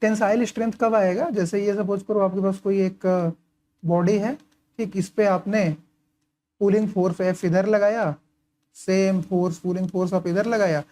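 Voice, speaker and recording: A male engineering tutor talking through course material in a relaxed, conversational lecture. His voice is mellow and dark, and he keeps tossing out questions that he answers himself, dotting his explanation with quick check-ins as he marks up his notes. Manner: writes and highlights while talking.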